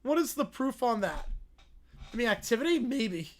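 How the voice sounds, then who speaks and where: A woman giving casual livestream reaction commentary, excitable and mocking, often gleefully repeating phrases. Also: fairly high pitch, moderate pace, a little hiss or hum. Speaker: livestream host reacting to videos.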